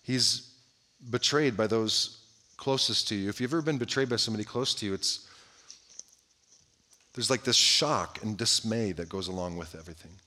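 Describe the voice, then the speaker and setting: A man preaching a sermon, asking his listeners question after question, often restarting phrases and letting line endings sink to a near hush. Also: fairly low pitch, moderate pace, long pauses. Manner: asks the listeners many direct questions; drops to a hushed voice at the ends of phrases. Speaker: pastor.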